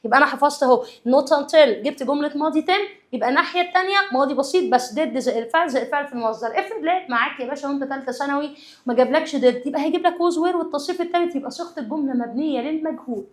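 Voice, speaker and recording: An Egyptian woman teacher leads a lively exam review. Her voice sits high and her speech moves quickly. She talks straight to her students and drops English grammar terms into her explanations. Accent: Egyptian Arabic.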